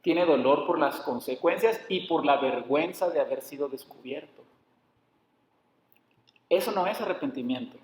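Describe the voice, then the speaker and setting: A man's voice: a little high, lively intonation, normal speed, pauses often. A man preaching a sermon, calling his listeners brothers and putting rhetorical questions to them. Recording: echoey hall.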